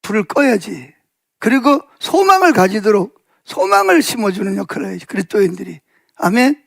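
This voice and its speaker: A male pastor giving a Sunday afternoon sermon in a conversational storytelling way, full of fillers and asides, raising his pitch to act out quoted speech. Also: big pitch swings, brisk, gravelly, a bit bright, no room sound, studio quality. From South Korea.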